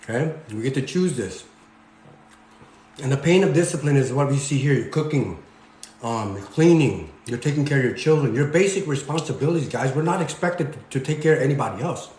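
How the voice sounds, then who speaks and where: Cooking at home, a fitness vlogger in his forties who was born in Cambodia preaches motivation, peppering it with "okay?" and "you guys." He speaks animatedly and a little fast in a mid-range, slightly mellow voice, with the kitchen adding reverb.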